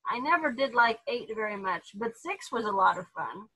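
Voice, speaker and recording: A woman reading a children's storybook aloud with animated delivery, putting on voices for the characters. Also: fairly high pitch, moderate pace, slightly rough, poor audio. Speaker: therapy dog handler reading to kids.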